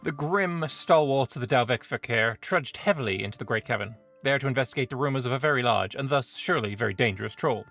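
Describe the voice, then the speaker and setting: A man's voice: medium pitch, lively intonation, quick pace, few pauses, a bit bright, soft background music. A man streaming a strategy game, thinking aloud in an offhand way and reading the event text aloud.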